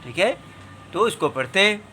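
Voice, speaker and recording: A man teaching a scripture class, patiently explaining and breaking words apart syllable by syllable, sometimes reciting verses in a slow chant. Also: sits high, big pitch swings, bright, forceful tone, a little hiss or hum.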